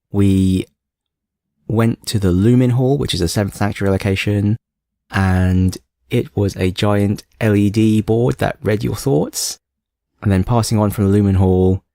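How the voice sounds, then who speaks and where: A man's voice: on the low side, warm tone, dry recording, studio quality. A young man co-hosting a podcast in casual chat, playful and self-mocking with a snarky streak. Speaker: podcast co-host.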